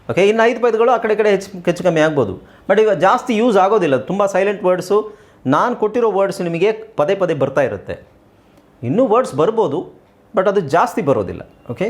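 A middle-aged male teacher with a Kannada accent walks through an English lesson, spelling words letter by letter and repeating them. His voice sits a little high and swings widely in pitch as he explains. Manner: explains patiently, repeats words, slow deliberate spelling aloud.

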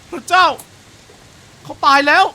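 A man's voice: measured pace, pushed and bright. A young man streaming a horror game, chatting to viewers, cursing and yelping when startled. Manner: jumpy, swears and shrieks at scares. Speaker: gaming streamer. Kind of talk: horror game let's-play commentary.

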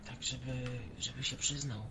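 A man voicing a male accomplice planting a hidden wire, speaking quietly and hurriedly in an online game role-play. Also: medium pitch, fairly even intonation, normal speed, lightly acted. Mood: hushed. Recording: loud keyboard typing noise.

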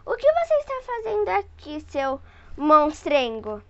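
A woman's voice: high-pitched, huge pitch swings, measured pace, fairly bright tone, no room sound, highs cut off, full character voice. A woman voicing a bold little girl who teases her family, in a scornful, playful tone. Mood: teasing. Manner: teasing and scornful.

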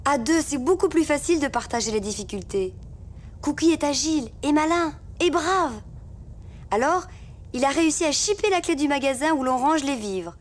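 A woman's voice: sits high, animated, normal speed. A woman narrating as a young girl reading her letters to a friend in a confiding tone. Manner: gentle, confiding.

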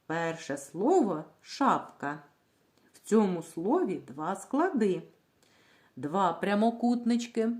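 Slow, lively-voiced woman teaching syllables. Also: lowish voice. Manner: slow, clear, drawing out words syllable by syllable; asks questions and answers them herself. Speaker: primary school teacher. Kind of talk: literacy lesson for young children.

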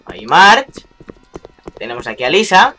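A man's voice: fairly high pitch, big pitch swings, a little slow, sharp tone, slight background noise, low-quality recording. A young man giving playful, chatty commentary on a game he is playing and talking straight to his viewers. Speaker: gaming YouTuber. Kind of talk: casual gameplay commentary.

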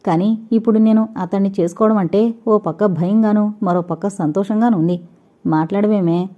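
A woman's voice: mid-range voice, fairly even intonation, normal speed, warm tone. A woman reading a novel aloud, narrating and speaking every character's lines herself with little change of voice. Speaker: storyteller. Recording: dull lo-fi recording.

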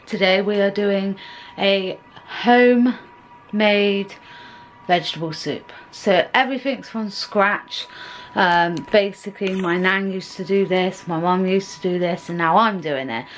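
Young woman, cooking vlog from her kitchen, slow unhurried chat, washing machine humming faintly behind. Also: mid-range voice, slight background noise, rough recording. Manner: chatty, rambling and informal. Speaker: vlogger. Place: home kitchen, indoors. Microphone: camera on a counter at mid-distance. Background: washing machine running.

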